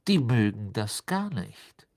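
A man's voice: on the low side, big pitch swings, slow pace, a little mellow, exaggerated voice. A man reading an audiobook, voicing a cold, condescending aristocratic wizard. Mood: sneering. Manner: spiteful, condescending.

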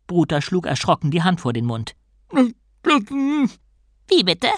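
A woman narrating a humorous fantasy audiobook in an expressive, lively reading. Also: sits low, brisk, no room sound, clean studio sound. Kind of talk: scripted storybook narration.

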